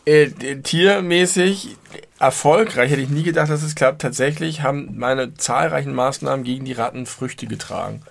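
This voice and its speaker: A man with a gravelly, creaky edge to his voice, chatting casually as a podcast co-host. He jokes around and picks at how words are stressed, at a middle pitch. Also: normal speed. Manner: joking, nitpicky about word stress. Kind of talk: casual chat.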